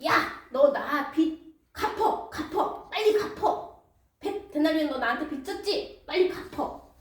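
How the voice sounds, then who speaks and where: A woman's voice: very high voice, sing-song, darkish tone, voice pushed up, full character voice. Woman acting out a wailing male debtor servant. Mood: harsh. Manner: wailing, drawn-out begging. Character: desperate male debtor servant, pleading and groveling. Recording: roomy hall from a distance.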